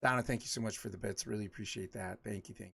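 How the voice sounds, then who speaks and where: A man's voice: fairly low pitch, steady tone, quick pace, vocal fry, heavy background noise. A man in his forties chatting casually with his livestream viewers, rambling and laughing often. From Michigan. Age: 40s. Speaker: livestream host.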